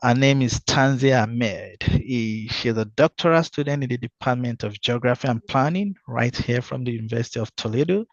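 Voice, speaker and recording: A man's voice: medium pitch, normal speed, few pauses, no echo. Hesitant man hosting a webinar. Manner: hesitant, many fillers and restarts. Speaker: webinar host. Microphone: video call microphone. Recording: dull, dry video call audio.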